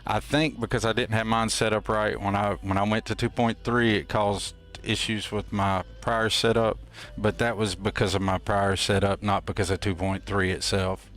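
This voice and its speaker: A man's voice: on the low side, little pitch movement, moderate pace, fairly bright tone. A man hosting a game stream with casual, folksy, playful and rambling commentary. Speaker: host of a gameplay livestream.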